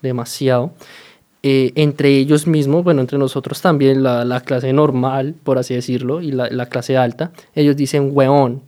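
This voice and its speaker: A man from Colombia with a Colombian accent, casually explaining everyday slang to his viewers. He talks in a chatty, unhurried way, with many fillers and quick "¿sí?" checks. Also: medium pitch, fairly even intonation, mellow. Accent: Colombian Spanish.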